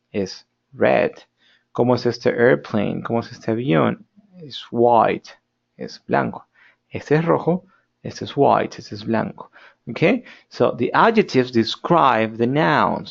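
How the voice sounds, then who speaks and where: A male English teacher explaining grammar and pronunciation in a recorded lesson, switching between Spanish and English, slowing down to model words and often checking in with "ok?". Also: medium pitch, gravelly. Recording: dull lo-fi recording.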